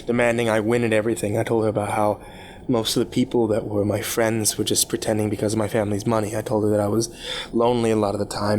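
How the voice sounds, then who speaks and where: A man playing a troubled rich young man confessing a cruel past in a halting, stammering way, as a dramatic horror story monologue. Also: lowish voice, natural voice. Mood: subdued, confiding. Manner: halting, confessional, stammering over repeated words. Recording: clear background noise.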